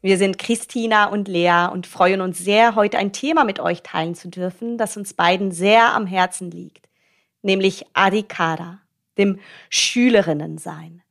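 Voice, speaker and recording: A woman podcast host with a medium-pitched voice and plenty of creak. She explains things directly to her listeners. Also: steady tone, a little slow.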